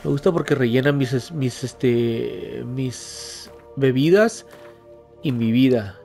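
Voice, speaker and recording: Man, let's play commentary, excitable, jumpy yelps, medium pitch, faint music behind. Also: takes it slowly, gravelly. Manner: excitable, yelps and swears when startled. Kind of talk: casual gameplay commentary.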